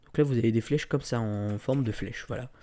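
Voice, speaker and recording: Relaxed man talking through a tutorial. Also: medium pitch, fairly quick, slight background noise. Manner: relaxed, talks through clicks with many fillers. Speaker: tutorial creator. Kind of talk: casual screen-recorded tutorial.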